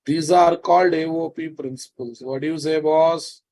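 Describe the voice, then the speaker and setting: His voice fairly high, steady and a bit mellow, a Telugu-accented programming teacher lectures live at normal speed. Repetition runs through his talk, along with familiar, prodding and scolding questions to his students.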